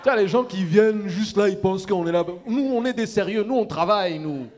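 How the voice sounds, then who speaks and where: A man hosting a comedy club night, loudly teasing the performers and hyping up the audience. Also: sits high, brisk. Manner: loud, teasing, hypes the crowd. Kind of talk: stand-up emcee banter. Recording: live club with crowd and music.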